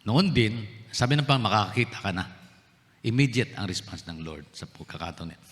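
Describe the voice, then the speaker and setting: A man from the Philippines preaches to his congregation, his bright voice ringing with a long reverb through the church hall. He slips English phrases into his sermon and keeps asking his listeners questions. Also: fairly low pitch, expressive, brisk. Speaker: pastor. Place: church sanctuary.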